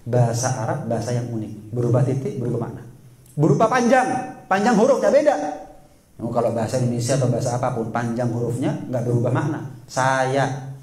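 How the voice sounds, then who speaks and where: A man giving a sermon, lively and teasing, often asking the audience questions. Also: mid-range voice, quick pace, roomy sound. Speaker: preacher.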